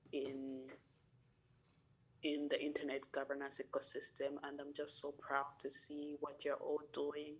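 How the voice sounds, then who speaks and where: A woman with a gravelly, husky voice, giving measured, appreciative congratulatory remarks to a team. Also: low voice, rough recording.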